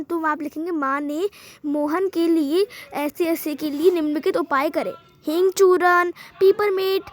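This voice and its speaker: A woman hosting a school lesson, explaining a worksheet patiently and repeating key phrases. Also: extremely high pitch. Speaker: teacher, channel host.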